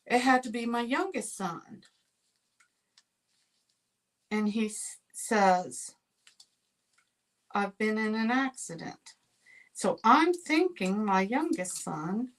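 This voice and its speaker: A woman's voice: mid-range voice, rough recording. A woman hosting a card-making livestream, chatting casually with viewers while she works. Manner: chatty, addresses viewers as y'all. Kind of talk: casual crafting demo with storytelling.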